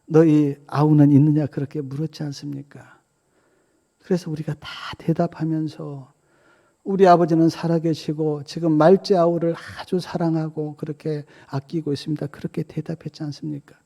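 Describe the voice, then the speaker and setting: A man's voice: fairly high pitch, little pitch movement, normal speed, creaky, dark tone. A male preacher voicing an elder brother who earnestly pleads for mercy.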